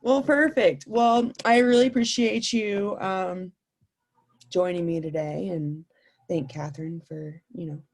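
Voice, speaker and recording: A woman with a low, gravelly voice asks loose, friendly questions on a video call. She strings her questions together with fillers and restarts. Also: steady tone, unhurried, a little mellow. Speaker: interviewer. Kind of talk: casual video-call interview.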